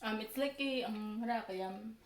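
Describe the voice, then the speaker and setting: A young adult woman from Palau telling a story casually, in a halting, rambling way with frequent self-corrections. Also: fairly high pitch. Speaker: mukbang vlogger telling a folk legend. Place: small room indoors, seated at a table. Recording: roomy echo, background noise.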